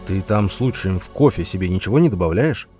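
A stern, gruff polar rescue leader, as a male narrator puts him on, speaking lower and slower than the storyteller's own voice. His tone is curt and exasperated, dark and heavy, with faint music in the background. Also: animated.

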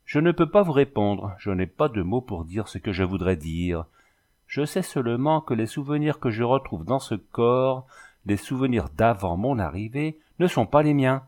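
A man voicing a pale, haunted young woman vampire in a storybook reading, hushed and plaintive. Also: medium pitch, big pitch swings, moderate pace, lightly acted. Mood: melancholy.

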